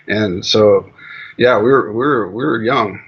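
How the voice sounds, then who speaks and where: A man's voice: on the low side, a little slow. A man being interviewed, talking in a loose, rambling way with lots of fillers. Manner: loose, rambling, heavy on fillers like "you know". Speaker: interview guest. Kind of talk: casual conversational interview. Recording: muffled lo-fi audio.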